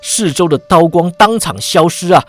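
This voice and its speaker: A man's voice: sits high, expressive, moderate pace, faint music behind. A man narrating a serialized martial-arts story with a dramatic telling.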